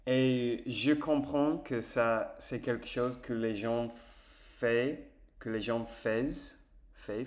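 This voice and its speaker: Slow, hesitant man with an English accent. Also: medium pitch. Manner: hesitant, many fillers and self-corrections while searching for words. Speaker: language-learning vlogger. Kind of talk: casual spoken French practice to camera.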